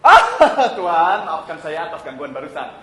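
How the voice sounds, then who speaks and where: Male actor as a jovial bureaucrat in a stage play; high, animated voice, roomy live theatre recording. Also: normal speed. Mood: breezy. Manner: breezy, laughing, reassuring official tone. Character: cheerful male city official, smooth and bureaucratic.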